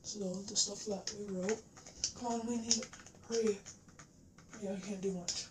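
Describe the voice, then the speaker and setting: A woman's voice: mid-range voice, steady tone, a little slow. A woman giving casual gameplay commentary as a gamer, recorded in a living room on a camera. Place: indoors, living room facing a TV. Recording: roomy echo, background noise, controller clicks.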